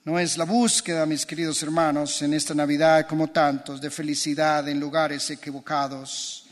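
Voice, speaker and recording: A man's voice: fairly high pitch, level tone, moderate pace. A man preaching a sermon as pastor, impassioned and building through repeated phrases. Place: church. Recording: long church reverb.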